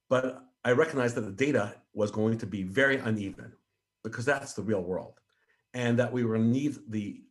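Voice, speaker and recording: Animated American man with restarts. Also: lowish voice. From Switzerland. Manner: animated, with frequent restarts and stammers. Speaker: presenting researcher. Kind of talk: conference Q&A answer.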